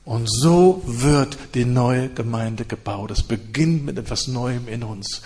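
A man preaching and leading prayer with fervor, in repeated rising phrases and hushed stretches. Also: mid-range voice, slow, husky. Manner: fervent, repetitive prayer cadence with hushed stretches. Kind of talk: sermon and prayer.

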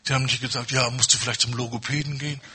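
A man preaching a personal testimony, telling his story dramatically and acting out the dialogue, with sudden swings from loud to hushed. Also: medium pitch, little pitch movement, racing, husky. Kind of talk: testimony sermon.

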